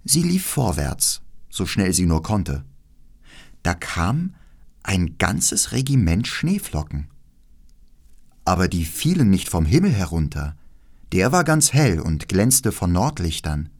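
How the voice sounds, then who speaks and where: A man narrates a fairy tale in a fairly low voice. His delivery is measured and expressive, and his pitch rises and falls widely. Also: creaky. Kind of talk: audiobook fairy-tale reading.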